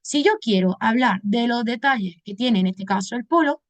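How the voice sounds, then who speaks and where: Higher-voiced woman teaching English vocabulary. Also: moderate pace. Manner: explains step by step, addressing students as a group. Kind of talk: recorded lesson explanation.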